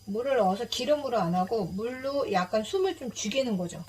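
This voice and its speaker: A woman's voice: a little high, expressive, brisk, a little mellow. A woman casually talking through her home cooking as she works, with an easygoing, explaining manner. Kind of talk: casual cooking narration while cooking. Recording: noisy kitchen with chopping and clicks.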